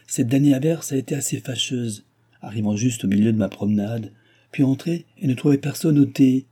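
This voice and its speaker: A man's voice: mid-range voice, fairly quick, warm tone, husky, voice pushed up, natural voice. A man reading an audiobook, voicing a spoiled, ill-tempered young lady of the house who scolds petulantly.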